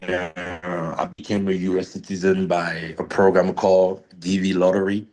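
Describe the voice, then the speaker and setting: Guy from cameroon on a video call, low voice, slow and hesitant, lots of uhs. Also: little pitch movement, darkish tone. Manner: hesitant, simple phrasing with fillers. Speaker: interview guest. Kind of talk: telling his story in an interview.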